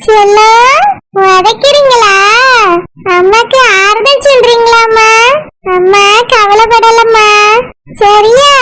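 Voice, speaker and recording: A woman with a Kanyakumari Tamil accent voicing a gentle pregnant young village woman who speaks softly and tenderly. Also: very high-pitched. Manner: soft, tender, cooing. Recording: loud background noise.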